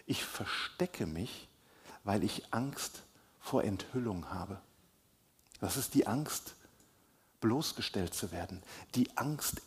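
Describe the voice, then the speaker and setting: Male pastor, sermon; husky, unhurried delivery that swells for emphasis and sinks to a hush. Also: fairly low pitch. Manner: slow, deliberate delivery with emphatic rises and soft drops. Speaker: preacher.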